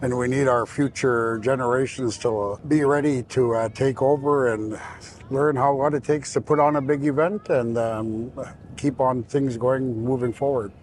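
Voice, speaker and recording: Man, medium pitch, measured interview talk, hesitant pauses, faint background noise. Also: fairly even intonation, darkish tone.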